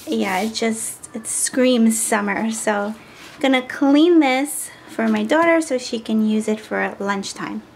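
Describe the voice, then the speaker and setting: A woman's voice: on the high side, slow, gravelly. A woman in her thirties giving casual, chatty voice-over narration for a home cleaning vlog. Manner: chatty, upbeat, homey. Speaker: cleaning vlogger.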